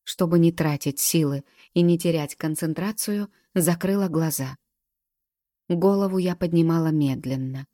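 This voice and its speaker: A woman narrating a first-person fantasy audiobook with expressive storytelling. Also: sits low, moderate pace, dry recording, studio quality.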